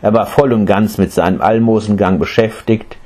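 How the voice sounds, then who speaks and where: A man narrating a story in a scripted reading with expressive, dramatic delivery. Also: normal speed. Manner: expressive, dramatic swings in pitch.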